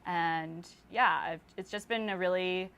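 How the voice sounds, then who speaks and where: Speaking as an interview guest, a young artist from the Philippines and Toronto talks in a lowish, smooth, unhurried voice. She's laid-back and scatters plenty of fillers and "likes" through her answers.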